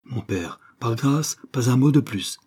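A man's voice: medium pitch, lively intonation, measured pace, darkish tone, husky, pitched above the performer's own voice. A man voicing a reserved young son, recovering from a wound, who speaks in an evasive, pleading way in a storybook reading.

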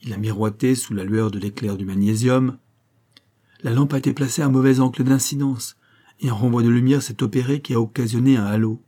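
A man voicing a calm, methodical male police detective in an audiobook, with a measured, explanatory delivery. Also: medium pitch, natural voice. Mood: explaining. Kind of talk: audiobook character reading.

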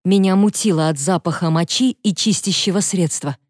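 A woman narrating a first-person audiobook thriller in a steady, expressive way. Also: fairly low pitch, moderate pace, dry recording, studio quality.

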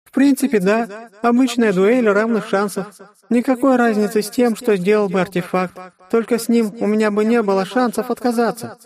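A man voicing an ancient demon in a little girl's body, haughty and mocking, in a booming, scornful way. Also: steady tone, normal speed, a little mellow, close to an everyday voice. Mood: calculating. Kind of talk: audiobook character voice.

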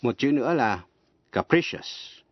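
Slow, careful male radio English teacher. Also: medium pitch, lively intonation, no echo. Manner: slow, careful, spells letter by letter. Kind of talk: bilingual radio lesson, spelling out words. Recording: dull lo-fi radio sound, dry.

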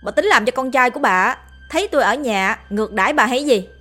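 A woman voicing a spiteful young daughter-in-law who nags and scolds fast. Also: medium pitch, animated, fairly bright tone, faint music behind, natural voice. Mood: shrill scolding.

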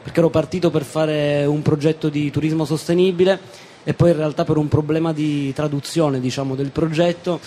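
A man's voice: fairly high pitch, steady tone, mellow, a little hiss or hum. A young man, a former student, talking hesitantly on a radio show. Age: young adult. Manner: hesitant, halting, many fillers. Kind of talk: casual radio chat.

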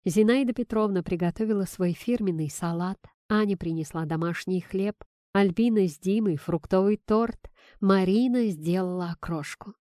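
Woman, storybook narrator, even gentle reading, mid pitch, dry close sound. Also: normal speed, no echo.

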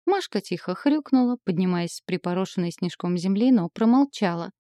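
A woman narrates a romance novel in the first person with expressive, emotional delivery. Her voice sits low and mellow. The recording is close and completely dry. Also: brisk, dry recording. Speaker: audiobook narrator.

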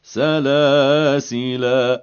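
A man reciting single Quran words for a lesson, chanting each one slowly and drawn out. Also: medium pitch, fairly even intonation, clear, resonant tone, no echo, dull audio. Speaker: Quran reciter giving examples.

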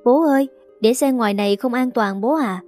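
A woman voicing a small chatty daughter who pleads with her parents in a high childlike voice, with soft music behind. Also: brisk, lightly acted. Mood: eager.

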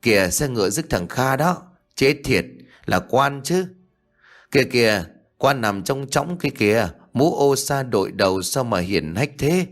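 A man voicing a gossiping village woman who exclaims in excited wonder. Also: mid-range voice, measured pace, soft background music, voice pushed up. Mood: awed.

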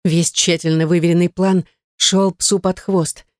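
A woman narrates an audiobook in a low voice, steady and tense. The sound is close and dry, with no room behind it. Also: measured pace, no room sound. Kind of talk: scripted narration.

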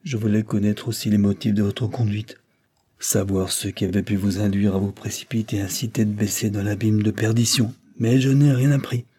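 A man's voice: fairly low pitch, steady tone, normal speed, mellow, a little hiss or hum, lightly acted. A man reading as a stern old count. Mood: reproachful. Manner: stern, reproachful, lecturing. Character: stern older aristocratic male count, severe.

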